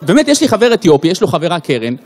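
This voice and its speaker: A man doing a stand-up comedy routine on a live stage, animated and full of impressions. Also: sits high, a faint crowd, a little hiss or hum. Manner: animated, lots of voices and impressions. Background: audience laughter.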